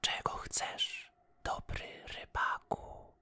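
Give me a man playing a magical golden fish in a storybook, whispered and calm. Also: extremely slow, full character voice. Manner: whispered, hushed.

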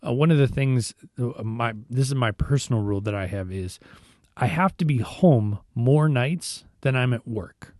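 A devotional podcast host and church musician gives a relaxed devotional talk in a hoarse, mellow, rather dark voice at medium pitch. He talks conversationally at normal speed, often restarting his words. The recording is close and dry, with no room sound.

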